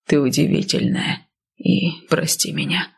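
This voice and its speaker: A woman's voice: low voice, fairly even intonation, unhurried, vocal fry, husky, pitched below the performer's own voice, heavily acted. A woman doing a grim, stubborn cursed man. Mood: tender. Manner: stern, curt, speaking through clenched teeth. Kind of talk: audiobook character voice.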